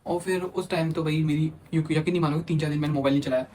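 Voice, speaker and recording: Fast-talking young man telling a story. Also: a little high, slight background noise. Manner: animated, quotes others in acted asides. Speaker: vlogger. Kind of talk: casual storytelling. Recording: music playing underneath.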